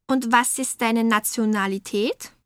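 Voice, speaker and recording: For a scripted language-course dialogue, a woman interviews guests in a studio, posing her questions slowly with careful enunciation. Her voice is a little high, steady, and fairly bright, in a dry recording.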